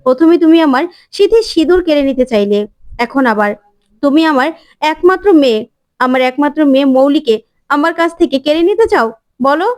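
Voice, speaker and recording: This is a storybook-style mother-in-law, middle-aged and bitter, read out by a woman narrator. She sounds accusing and high, and her pitch climbs as she presses her blame. The sound is dry and close. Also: expressive, a little fast, long pauses, a little mellow, dry recording.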